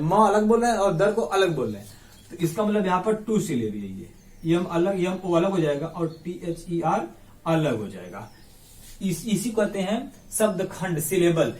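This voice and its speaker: A man teaching English grammar in a classroom-style lesson. He breaks words into syllables slowly, repeats them, quizzes his listeners and calls them his brothers. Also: sits high, a little mellow, far from the mic. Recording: echoey room, voice off the mic.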